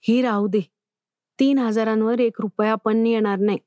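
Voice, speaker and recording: A woman's voice: fairly high pitch, steady tone, darkish tone, no room sound, studio quality, lightly acted. A woman voicing a male village goldsmith who is friendly but blunt in a storybook reading. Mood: matter-of-fact. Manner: brisk, matter-of-fact.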